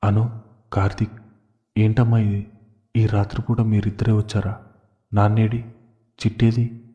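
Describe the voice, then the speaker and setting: A man's voice: fairly low pitch, monotone, moderate pace, dark tone, close to an everyday voice. A man voicing an anxious, fiercely protective old village grandmother in an audio story, with a scolding, agitated manner. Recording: dull lo-fi audio.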